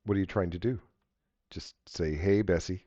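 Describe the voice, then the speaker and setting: A man with a fairly low voice runs a tabletop game as game master. He narrates and referees casually, joking and cursing now and then. The recording is dry and somewhat dull. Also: moderate pace, mellow, no room sound. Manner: casual, jokey, swears. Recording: dull lo-fi audio.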